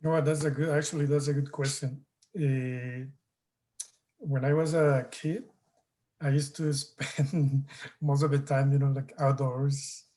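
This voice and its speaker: A man from Mexico giving an online talk as a guest scientist, speaking in a relaxed way with many pauses and fillers. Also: medium pitch.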